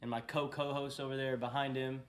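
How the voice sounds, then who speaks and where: A man's voice: mid-range voice, flat delivery, a little fast, a little hiss or hum. Upbeat joking man hosting a podcast. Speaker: podcast host.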